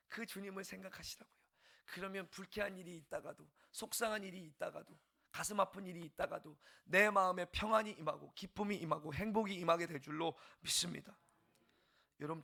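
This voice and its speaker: A male pastor giving an early-morning revival sermon, passionate, swinging from loud exclamations to hushed near-whispers. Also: a little high, vocal fry.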